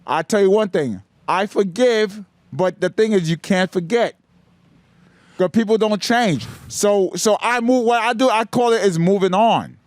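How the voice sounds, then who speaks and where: Blunt, high-voiced podcast man. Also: measured pace, dry recording. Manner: blunt, pointed questions, firm opinions. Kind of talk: casual podcast chat.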